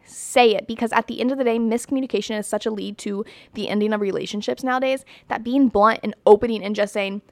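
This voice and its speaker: A woman's voice: fairly high pitch, steady tone, fast, few pauses, dry recording. A young woman vlogging in a casual, opinionated way, blunt and emphatic, with lots of "like" and "you know". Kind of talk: casual talk to camera.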